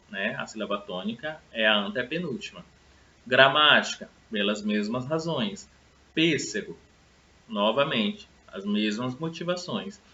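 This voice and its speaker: A man's voice: mid-range voice, bright, forceful tone, a little hiss or hum. A man teaching a recorded grammar lesson to students, friendly and explanatory, often checking in with tag questions. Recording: roomy, slightly dull sound.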